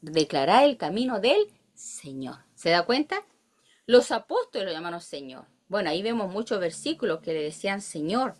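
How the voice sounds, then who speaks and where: A Chilean woman teaches a church Bible study in a lively, swooping voice. Her pitch sits in a middle range. She reads verses aloud and keeps asking her listeners questions. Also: normal speed.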